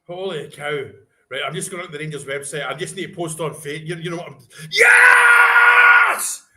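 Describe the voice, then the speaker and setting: A man vlogging a live football reaction from home, chatting casually, then erupting into shouted celebration and swearing before apologising. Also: a little high, quick pace, echoey room, poor audio. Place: at home, wife in the room.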